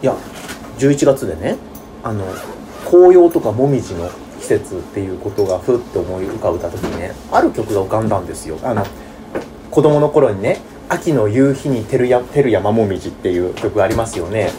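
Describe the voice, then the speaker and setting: A man hosting a radio show, chatting casually and joking, with many fillers and fast talk. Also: on the low side, animated, warm tone, a little hiss or hum. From not from the Kansai region.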